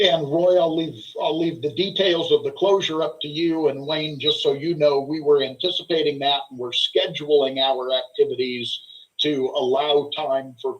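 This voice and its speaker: A man explaining logistics in an informal meeting, speaking in a halting, hesitant way. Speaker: fair board meeting participant, organizer. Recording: muffled, low-fidelity meeting audio.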